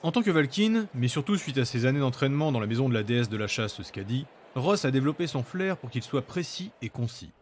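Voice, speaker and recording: A man's voice: medium pitch, big pitch swings, brisk, hardly any pauses, a little hiss or hum. A man reading scripted narration for a fantasy audio story.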